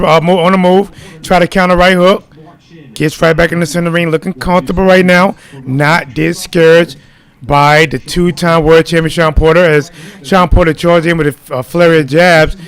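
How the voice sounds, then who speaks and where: Higher-voiced man giving casual fight commentary. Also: a bit bright. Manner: informal, addressing viewers as guys. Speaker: fight watch-along commentator. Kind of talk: casual live play-by-play commentary.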